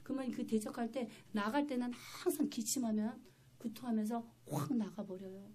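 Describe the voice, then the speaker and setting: High-voiced woman pastor preaching. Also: fairly even intonation, normal speed, dark tone, slight background noise. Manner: emphatic, vivid storytelling with sound words. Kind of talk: sermon. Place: church.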